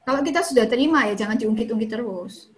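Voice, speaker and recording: Speaking quickly in a voice on the high side, a woman offers casual guidance on dating and marriage to a church fellowship. She keeps things chatty, asks her audience questions before answering them herself, and often closes a point with "gitu ya" or "kayak gitu."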